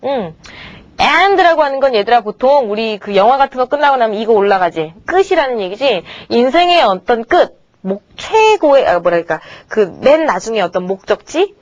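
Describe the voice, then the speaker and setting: A woman's voice: fairly high pitch, sing-song, moderate pace, no room sound. Woman teacher explaining grammar to kids, chatty, keeps asking "right?", dry dull-ish mic. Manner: chatty, coaxing, many rhetorical checks. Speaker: English teacher. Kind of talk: online lecture to middle schoolers.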